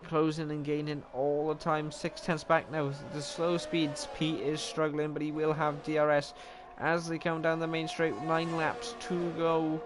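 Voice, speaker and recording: Commentating live on an online racing league, this young Welsh man talks at a measured pace in a rather high voice, with hardly any pauses. He's chatty, self-deprecating and quick to correct himself, against steady background noise.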